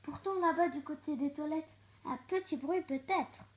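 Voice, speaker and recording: A woman reading a children's storybook aloud, expressive and dropping to hushed tones for suspense. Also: high voice, moderate pace. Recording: echoey room.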